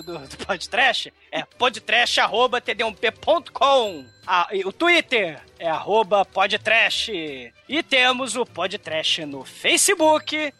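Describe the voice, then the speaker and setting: A man's voice: very high-pitched, sharp tone. A Brazilian man co-hosting a podcast with comic, irreverent casual chat. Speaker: podcast co-host.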